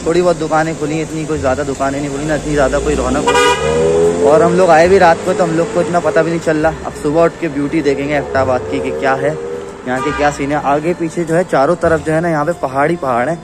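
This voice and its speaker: A man's voice: a little high, fast talker, over loud music. A man speaking through a face mask, chatting casually to camera as a food vlogger while he walks a night street market. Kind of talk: casual travel vlog narration.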